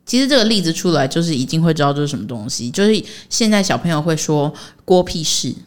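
A woman's voice: low voice, expressive, fast. A woman with a Taiwanese Mandarin accent, chatting casually as a podcast host in a colloquial, playfully exasperated way. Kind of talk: casual chat.

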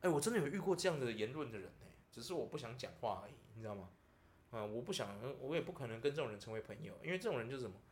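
A podcast host with a Taiwanese Mandarin accent races along at medium pitch, telling stories and ranting in casual chat. He's an animated storyteller, and there's slight background noise.

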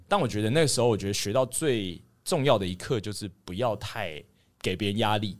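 A man's voice: lowish voice, a little fast. A young man with a Taiwanese Mandarin accent, a podcast co-host telling a long story in casual chat, rambling and sheepish, with many restarts.

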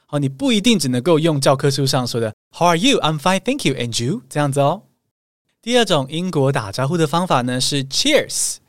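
A man's voice: medium pitch, fairly bright tone, dry recording, clean studio sound. A man hosting a podcast English lesson, telling a travel story in a playful, teasing way. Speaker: podcast host and English speaking coach.

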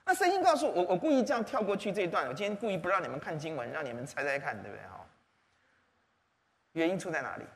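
A man's voice: a little high, quick pace. A man preaching a sermon as pastor, often asking the congregation questions. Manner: animated, rhetorical questions to the congregation. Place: church hall. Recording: long hall reverb.

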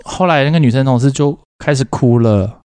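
A young man co-hosting a casual podcast, telling animated stories, laughing often and acting out the voices of people he quotes. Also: medium pitch, brisk, clean tone, dry recording. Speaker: podcast co-host. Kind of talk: casual chat.

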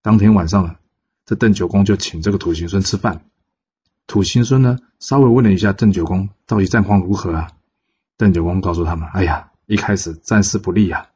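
Taiwanese-accented guy casually telling an old tale, low husky voice, dull lo-fi sound. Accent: Taiwanese Mandarin. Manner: relaxed, frequent drawn-out pause particles. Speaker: storyteller. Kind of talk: casual storytelling narration. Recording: dull lo-fi podcast recording.

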